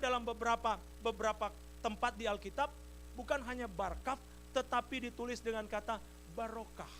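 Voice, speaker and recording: A male pastor preaching a sermon at a church service, telling a story with jokes and loud, emphatic bursts. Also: sits high, slight background noise, poor audio.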